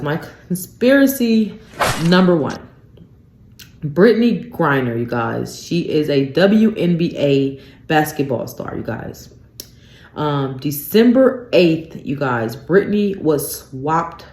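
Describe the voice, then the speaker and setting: A woman hosts her own radio talk show alone, speaking at an unhurried pace. She rants with growing disbelief and keeps addressing listeners as "you guys." Her voice carries a roomy, echoey studio sound. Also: low voice, darkish tone. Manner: incredulous ranting, peppered with "you guys" and "um". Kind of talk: solo radio talk commentary.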